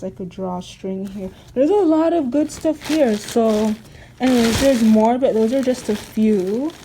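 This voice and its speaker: A woman's voice: medium pitch, warm tone, breathy edge, poor audio. A young woman vlogging casually, rambling and chatty with lots of fillers while sorting clothes at home. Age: young adult. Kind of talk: casual vlog chat.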